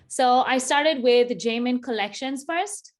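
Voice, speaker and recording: A woman in her thirties from Kenya, an interview guest talking in a relaxed way, laughing often and using many fillers. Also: sits high, a little slow. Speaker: interview guest, business founder. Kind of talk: casual interview.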